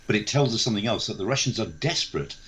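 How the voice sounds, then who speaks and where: A man's voice: lowish voice, lively intonation, racing, a bit bright, slight background noise, rough recording. An older man with a British accent giving spontaneous expert analysis on the news, explaining his points emphatically. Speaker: defence expert guest, professor.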